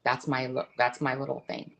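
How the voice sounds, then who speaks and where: Low-voiced woman speaking earnestly. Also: completely flat delivery, vocal fry, fairly bright tone, low-quality recording. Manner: earnest, open, halting with restarts. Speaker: guest. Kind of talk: candid conversational interview.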